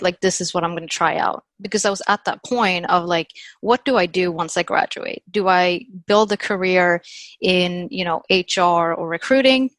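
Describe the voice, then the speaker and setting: A woman in her thirties, from Sweden, telling her story as a podcast guest in a chatty, animated way. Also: on the low side, dry recording. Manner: chatty, animated retelling with quoted dialogue and frequent "like". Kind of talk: casual storytelling interview.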